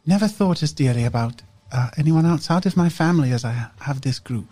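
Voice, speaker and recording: A man voicing a gentle, polite young noblewoman far from home, speaking formally and earnestly. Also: fairly high pitch, expressive, fairly quick, voice pushed up. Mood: earnest, grateful. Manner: formal, earnest and soft-spoken.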